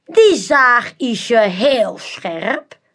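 A sly, commanding circus magician from a children's storybook , as a woman narrator puts him on. He stretches each word out slowly, like a showman working the crowd. The voice sits high and carries loudly. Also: big pitch swings, full character voice. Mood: theatrical. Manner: slow, drawn-out, showman's delivery. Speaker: audiobook narrator.

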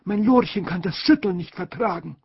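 A man's voice: high-pitched, normal speed, gravelly, slightly rough, no room sound, highs cut off, voice pushed up, exaggerated voice. A man doing a gushing, fussy old aunt. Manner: effusive, exclaiming.

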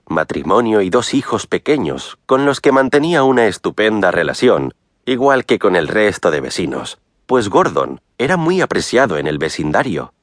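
A man's voice: fairly low pitch, fairly bright tone, no echo, studio quality. A man narrating an audiobook in a wryly ironic, mock-admiring storytelling manner.

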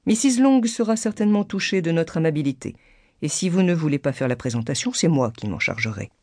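A woman's voice: sits low, brisk, no echo. A woman reading a dry, sarcastic husband. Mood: teasing. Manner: calm, teasing, ironic. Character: dry, sarcastic, teasing middle-aged husband. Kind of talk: audiobook character reading.

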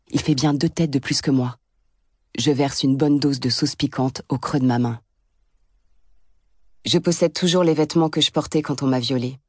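A woman's voice: a bass voice, darkish tone, breathy edge, dry recording, studio quality. A woman reading an audiobook as a blunt, sardonic first-person narrator.

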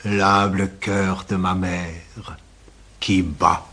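An older man recites his own poems with great slowness, lingering on each line in a measured, lilting rhythm. His voice is husky and sits fairly low. He gives every verse a gentle, deliberate weight. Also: little pitch movement. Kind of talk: poetry recitation.

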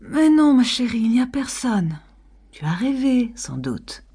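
A woman voicing a timid, placating husband in a storybook reading, speaking softly and hesitantly. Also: a little high, big pitch swings, unhurried, slightly rough, pitched above the performer's own voice, exaggerated voice. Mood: meek.

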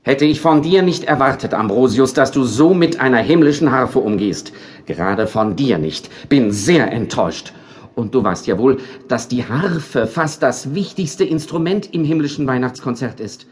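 A man's voice: medium pitch, animated, normal speed, voice pushed up, close to an everyday voice. A man voicing a strict male heavenly bandmaster who scolds indignantly. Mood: scolding.

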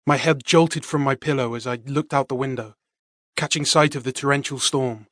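A man narrates a story in the first person, measured and dramatic. His voice sits at a middle pitch and is recorded close and dry. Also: steady tone, a bit bright, no room sound. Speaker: audiobook narrator.

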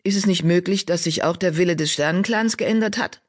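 Woman voicing a calm tomcat leader, measured, persuasive, storybook. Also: lowish voice, lightly acted. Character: male cat clan leader, calm and reasoning.

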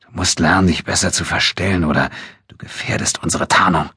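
A man voicing a weary, wary adult swordsman who speaks in a tense, urgent and slightly halting way. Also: sits low, steady tone, pushed and bright, husky, dry recording, clean studio sound, heavily acted. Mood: urgent scolding.

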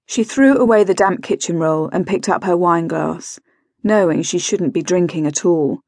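A woman narrating an audiobook thriller in a measured, wry manner. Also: lowish voice, a little mellow, no echo, studio quality.

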